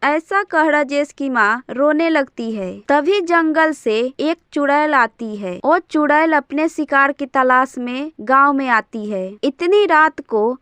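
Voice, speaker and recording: A woman narrating a children's cartoon story in a plain, steady way. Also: sits high, slow, few pauses, no echo.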